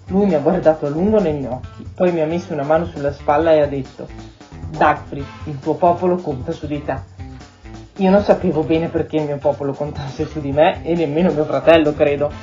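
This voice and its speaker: A woman radio host presenting and reading children's books in a clear, steady voice. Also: deep voice, brisk, soft background music. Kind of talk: scripted radio book presentation. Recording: dull lo-fi radio sound.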